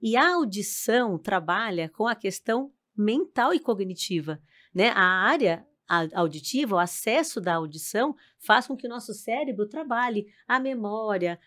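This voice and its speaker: A woman, a speech and hearing therapist, explaining hearing loss on a podcast in a measured way, often adding "né?" tags. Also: mid-range voice, lively intonation, a bit bright. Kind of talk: explanatory guest chat.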